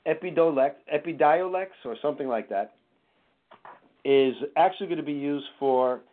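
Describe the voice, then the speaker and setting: A man on a radio show as a chiropractor guest, friendly and explanatory, with jokey asides. His voice has a medium pitch for a man. It sounds tinny and narrow, as if on a phone call. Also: normal speed.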